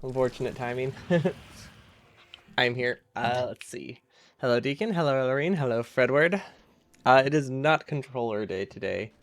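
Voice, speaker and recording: With no room sound in the recording, a man speaks at medium pitch and an unhurried pace while casually chatting on a gaming livestream. He thinks aloud in an easygoing, rambling way, his speech slightly affected by a loose dental retainer.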